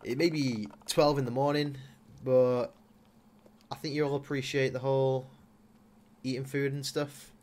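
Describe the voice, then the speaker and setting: A young man gives loose, joking commentary over a game he is playing. His voice sits at an ordinary mid pitch, and he coaxes his character along with sudden loud outbursts. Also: little pitch movement, unhurried, pauses often. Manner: chatty, talks to his Sim, bursts into loud exclamations. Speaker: gaming YouTuber. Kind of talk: casual Let's Play commentary.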